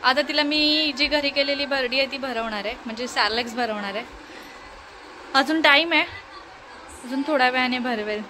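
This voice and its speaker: A young mother with a Marathi accent talks casually to her phone camera at home, narrating her chores and cheering on her baby. Her voice sits high and light. A steady hiss of noise and passing traffic runs under the recording. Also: moderate pace, long pauses, rough recording. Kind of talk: casual home vlog chat.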